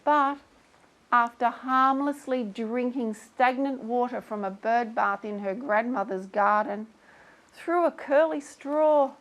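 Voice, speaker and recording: An actress playing a vain, self-absorbed talk-show host in a comedy sketch, talking in a theatrical, self-pitying way. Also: female voice, a little high, slow pace. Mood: mock-tearful. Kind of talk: comic sketch acting.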